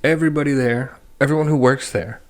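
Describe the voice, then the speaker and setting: A man's voice: medium pitch, quick pace. A young man co-hosting a podcast, ranting bluntly and swearing a lot in casual chat. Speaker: podcast co-host.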